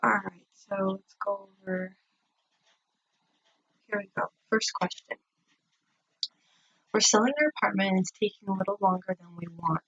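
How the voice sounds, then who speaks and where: A woman with a husky, slightly breathy voice speaks softly as a tarot reader, leaving drawn-out pauses in a casual spiritual reading. The sound is a little dull and echoes off the walls of a home bathroom. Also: medium pitch, fairly even intonation. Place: indoors, in an echoing home bathroom.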